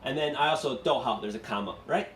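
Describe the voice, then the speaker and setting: A man's voice: mid-range voice, fast talker, fairly bright tone, a little hiss or hum. A man teaching an English class, explaining step by step and asking students questions, switching between English and Mandarin. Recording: echoey room, mic far off.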